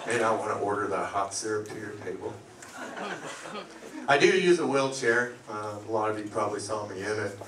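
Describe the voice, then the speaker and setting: A middle-aged man doing a stand-up comedy set, delivering deadpan one-liners. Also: on the low side, distant mic. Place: comedy club lounge. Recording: echoey club, mic heard from afar, loud noise. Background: audience laughter.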